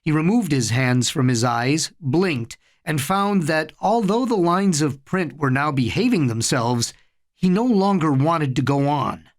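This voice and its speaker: A man reading a story aloud in a slow, measured narration. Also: a little high, expressive. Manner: slow, measured reading with soft voiced dialogue.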